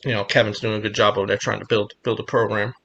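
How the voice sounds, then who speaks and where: A man co-hosting a sports podcast, talking in a relaxed, casual way with many "you know" fillers. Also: lowish voice, quick pace, dull audio. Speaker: podcast co-host.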